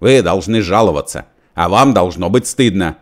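A man's voice: deep voice, lively intonation, moderate pace. A man voicing a fat, fussy official who shrieks with outrage. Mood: outraged. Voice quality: shrieking, indignant.

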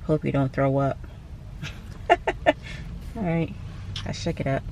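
A young woman talks to a handheld camera in a parked car. Her easygoing, tired chatter swings widely in pitch. Faint traffic noise hums behind her. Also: expressive, slow. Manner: chatty, tired and cranky, with laughs. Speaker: vlogger. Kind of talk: casual vlog chat. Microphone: handheld camera close by.

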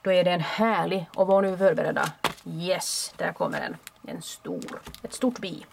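A woman who runs a craft shop, chatting casually and warmly as she shows off new stock at home. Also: on the low side, gravelly, slight background noise. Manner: chatty and friendly, with small restarts. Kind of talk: casual product show-and-tell.

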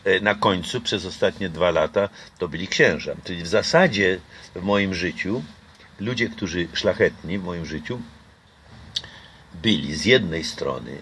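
On an outdoor garden patio, an older man from Poland chats in an interview, his low, slightly bright voice moving a little slowly. He reflects aloud, hesitating often with fillers and restarts. A camera close by records him with a little hiss or hum.

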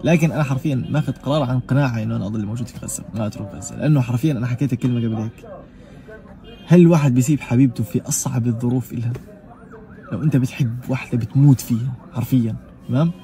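This vlogger is a young Gazan man whose medium-pitched voice carries a dark tone. Speaking fast in Gazan Arabic, he delivers an emphatic, casual monologue about himself, frequently swearing oaths for emphasis.

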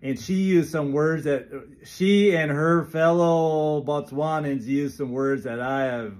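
A man's voice: a little high, fairly even intonation, takes it slowly, a little mellow. An American man from the Pacific Northwest chatting in a casual home vlog, playfully quizzing and laughing easily. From Pacific Northwest, USA. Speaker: vlogger's husband.

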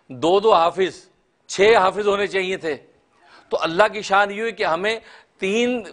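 A middle-aged man, a mufti, giving an impassioned sermon-style address with an Urdu accent, recorded indoors on a lapel mic. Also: high voice. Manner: impassioned, sweeping hand gestures, rising to near-shouts when quoting. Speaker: mufti, religious speaker. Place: small indoor studio room.

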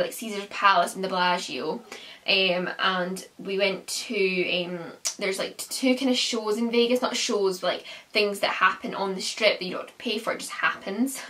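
A woman's voice: mid-range voice, pushed and bright, recorded from a distance. Chatty young woman vlogging from her bedroom. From United Kingdom. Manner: chatty, with frequent "um" and "like". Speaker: travel vlogger. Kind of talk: casual travel recap to camera. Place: small bedroom indoors.

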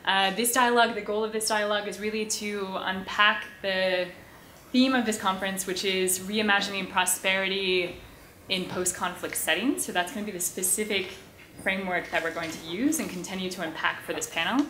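Bright-voiced woman chairing a panel. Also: mid-range voice, fairly even intonation, moderate pace. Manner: filler-heavy, loosely structured speech. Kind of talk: moderating a panel discussion. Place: conference hall stage. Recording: echoey hall with faint noise.

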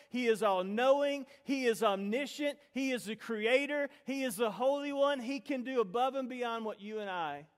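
A middle-aged man preaching a sermon built around a story, animated and acting out the voices of the people in it. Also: very high-pitched, big-room sound. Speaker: pastor.

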